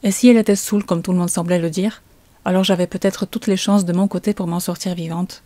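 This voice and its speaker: A woman's voice: fairly low pitch, steady tone, fast, dark tone, no echo. Woman narrating. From Poland. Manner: storytelling, suspenseful. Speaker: comic author. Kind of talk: first-person narration.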